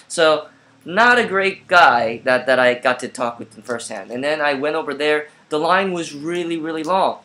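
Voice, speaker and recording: Man, casual vlogger, bright tone, rambly with fillers, laptop webcam at home. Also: fairly high pitch, moderate pace. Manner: rambling, lots of fillers and restarts. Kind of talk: casual vlog storytelling.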